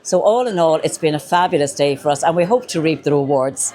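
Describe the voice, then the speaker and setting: A woman's voice: low-pitched, expressive, a little fast, background noise. A woman, an event organiser giving an interview on location outdoors. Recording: outdoors with busy crowd behind.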